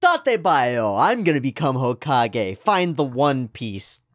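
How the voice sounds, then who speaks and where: A man's voice: mid-range voice, sing-song, a little slow, no room sound, studio quality, voice pushed up. Man acting out an earnest, determined young anime hero. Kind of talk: paraphrased anime speech in reaction commentary.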